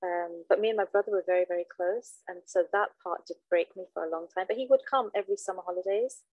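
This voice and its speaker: Nervous woman, lowish voice, dull audio. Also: fast talker, dry recording. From London, England. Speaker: podcast guest, trainee counsellor. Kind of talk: casual personal storytelling in interview. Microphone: handheld mic on remote call.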